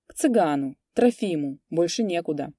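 A nervous young peasant lad from a storybook, sly and giggly, asking uneasy questions, as a woman reads him. The voice is mellow and close. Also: on the low side, animated, moderate pace, breathy edge, dry recording.

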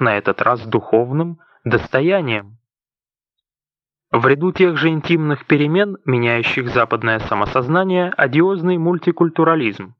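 A man's voice: mid-range voice, no echo. Man reading an audiobook, dull dry sound. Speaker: audiobook reader. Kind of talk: scripted narration of essays.

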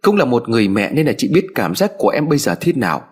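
A man's voice: medium pitch, very animated, fast talker, slightly rough. A man voicing an older mistress of the house who hides her scheming behind soothing, tearful apologies, in a storybook audio tale. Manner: soothing, honeyed, fake-sorry.

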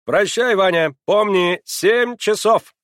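A male reader puts on a hearty, insistent man, his voice raised high and loud above the reader's own as he coaxes and presses. The sound is dry. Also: takes it slowly, no echo. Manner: emphatic, coaxing. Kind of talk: audiobook character voice.

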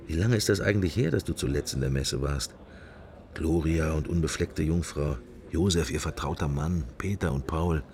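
With a rumbling low, darkish voice at a moderate pace, an actor delivers the interior monologue of a middle-aged man in a radio drama. The character, wry, sceptical and worldly, silently observes a church, musing sceptically in murmured, fragmentary, associative thoughts. A little hiss or hum is audible.

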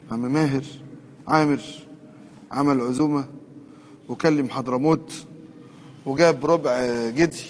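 A man's voice: a little high, a little hiss or hum. A man with an Egyptian Arabic accent, preaching a colloquial sermon and putting questions to his listeners. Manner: lively, quizzes the audience with questions.

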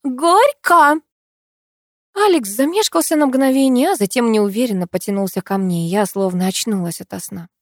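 A woman reading a first-person novel as an audiobook narrator, in an expressive, lively way. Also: mid-range voice, fairly quick, few pauses, no echo, studio quality.

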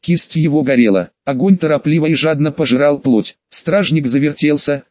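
A man narrating an audiobook in a steady, even storytelling manner. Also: a little high, normal speed, no echo. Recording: dull muffled dry audiobook recording.

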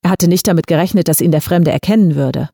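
A woman reading a short story aloud in a measured, even storytelling manner. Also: fairly low pitch, vocal fry, no echo, studio quality. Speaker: audiobook reader. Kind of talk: scripted story narration.

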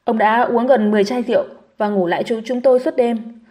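A man's voice: very high voice, steady tone, very fast, darkish tone. A woman voicing an irritated but polite male bar owner in an audiobook. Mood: curt.

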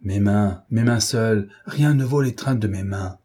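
A self-assured gentleman thief who gives orders and boasts with dry wit, as a male reader voices him. The voice sits low, with a dark, husky tone. It is a storybook reading from an audiobook. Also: measured pace. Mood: commanding.

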